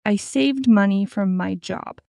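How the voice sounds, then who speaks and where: A woman in her twenties voicing a young female dreamer who tells her own story, speaking slowly and clearly and saying each sentence twice. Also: medium pitch, dark tone, no echo, clean studio sound. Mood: calm. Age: 20s. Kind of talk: scripted story for repeat-after practice.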